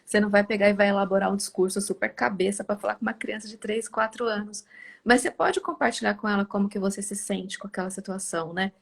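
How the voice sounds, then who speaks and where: A middle-aged woman hosts a live talk, chatting casually and animatedly acting out conversations among family members. She talks fast at a medium pitch, with noticeable vocal fry.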